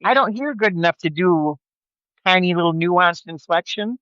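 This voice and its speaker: A woman's voice: fairly low pitch, animated, normal speed, a bit bright, dry recording. An older woman, chatting casually and laughing as she tells stories. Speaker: co-host. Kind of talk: casual chat. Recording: dull dry lo-fi sound.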